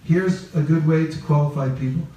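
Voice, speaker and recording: A religious teacher from California guides a training seminar with a slightly high, mellow voice, even intonation, and ordinary speed. He playfully quizzes the live group and returns to key phrases; the audio comes from a distance in an echoey room.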